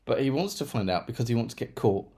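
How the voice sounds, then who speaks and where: A man's voice: mid-range voice, expressive, fast, vocal fry, warm tone. A man chatting casually through a monthly book review, rambling with self-deprecating asides. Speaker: book vlogger.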